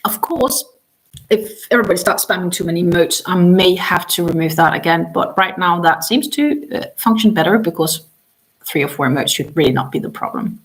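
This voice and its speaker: Brisk and expressive, this lowish female voice belongs to a crochet livestream host making casual chat on a rough recording. Her first language is Danish, and after a long day she's tired, chatty, full of ums, and prone to trailing off and restarting.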